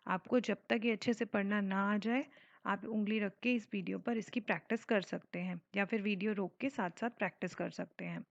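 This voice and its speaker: A woman teaching children to read, sounding out simple words slowly letter by letter in a phonics lesson. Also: mid-range voice, steady tone, gravelly, no room sound. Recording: dull lo-fi sound.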